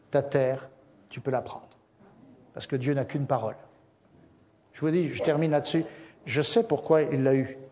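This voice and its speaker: A middle-aged man preaching a sermon as pastor, telling stories lively and acting out quotes with humorous asides. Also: on the high side, slight background noise.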